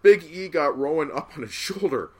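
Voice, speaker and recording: A man co-hosting a podcast, chatting casually and excitedly recapping a wrestling match, swearing now and then. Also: on the high side, slightly rough. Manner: excitable, swearing, quick bursts of enthusiasm. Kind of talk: casual chat.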